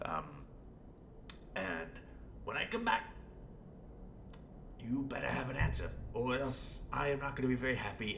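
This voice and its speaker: A man voicing an unhinged, menacing clown supervillain in a rambling, theatrical audio roleplay, with a gravelly voice and smug manner. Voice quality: gravelly, creaky. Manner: rambling, theatrical, swinging from mutters to outbursts. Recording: roomy echo, faint rumbling noise.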